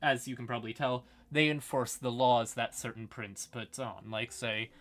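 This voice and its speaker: Speaking at medium pitch with a fairly even, slightly bright intonation, this guy walks his livestream audience through fantasy lore. He's halting and wry, dropping offhand remarks to chat.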